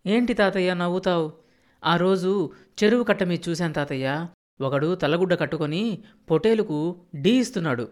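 A man's voice: sits high, normal speed, pauses often, pitched above the performer's own voice, close to an everyday voice. A man doing a chattering little village boy. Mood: chatty. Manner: chattering, teasing questions. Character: playful curious little village boy, grandson.

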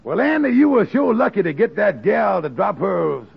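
A very gravelly, high voice plays a friendly, sensible pal in 1940s radio comedy. The delivery is folksy and earnest, on a muffled old radio recording. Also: male voice, big pitch swings, normal speed, heavily acted. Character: sensible, friendly married pal named Amos.

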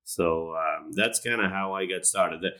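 A man from Argentina, a guest speaking in a relaxed interview, talking with frequent restarts and fillers. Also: low voice, unhurried, gravelly, poor audio. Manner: hesitant, many restarts and fillers. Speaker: animal science professor, guest. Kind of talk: conversational interview.

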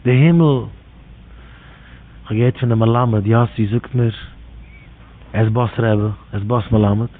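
A man's voice: medium pitch, steady tone, unhurried, pauses often. A man telling rambling religious stories and teachings in an informal way, repeating his phrases in a near chant. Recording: tinny phone-like audio with faint noise.

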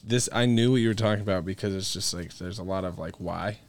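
A man's voice: deep voice, quick pace. A man co-hosting a casual podcast, joking and talking in loose, profane slang. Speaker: podcast co-host.

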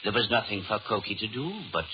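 A man with a lowish voice plays a suave, sinister Devil in a 1930s radio horror drama, speaking quickly with fairly even intonation and a light acting touch. He is formal, courtly and theatrical, mocking and commanding by turns, coaxing yet menacing, and the old recording is muffled and noisy.

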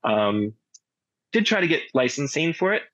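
Being interviewed about his directing, this audio drama director and sound designer keeps things casual, modest, and low-key. His voice runs on the high side with big swings in pitch, at normal speed and a bit bright, on a dry, dull lo-fi recording.

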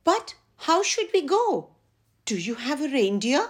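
A woman voicing an excitable little male alphabet letter in a children's story, eager and wide-eyed. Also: sits high, measured pace, voice pushed up.

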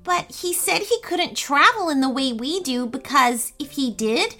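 A woman voicing Evie, a young girl in a storybook, speaking in a high, earnest and breathless way. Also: expressive, a little slow, pushed and bright, soft background music, exaggerated voice. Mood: worried.

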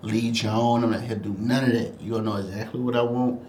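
A man's voice: medium pitch, fairly even intonation, quick pace, a little mellow. A man guesting on a podcast, talking in a blunt, laid-back way with lots of slang. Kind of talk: casual chat. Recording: echoey room with faint noise.

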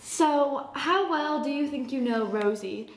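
A woman with a slightly high voice runs a silly mock interview. She asks her questions in a giggly, sing-song way and breaks into game-show jingles. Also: expressive, a little slow. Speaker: podcast host asking the questions. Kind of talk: playful mock interview and quiz.

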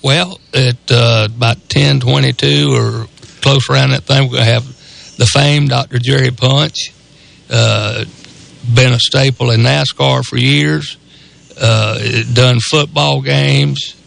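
A man's voice: medium pitch, steady tone, takes it slowly, gravelly, fairly bright tone. A man with a Southern US accent and a rural drawl, rambling casually as co-host of a sports radio show. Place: radio studio.

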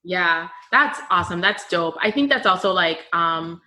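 Young American woman, podcast host, bright tone, chatty, lots of fillers. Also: fairly low pitch, animated, normal speed. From United States. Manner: chatty, laughs often, fillers. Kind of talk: casual chat.

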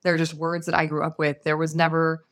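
Low, even-toned American woman. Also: brisk. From San Francisco Bay Area, USA. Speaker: podcast guest. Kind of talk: conversational personal storytelling.

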